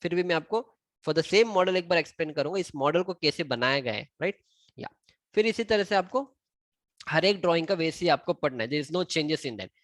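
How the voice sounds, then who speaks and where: A man with an Indian accent and a fairly high voice gives a screen-recorded tutorial on civil engineering drawings. Moving between Hindi and English, he counts things aloud while pointing them out. The audio has no echo.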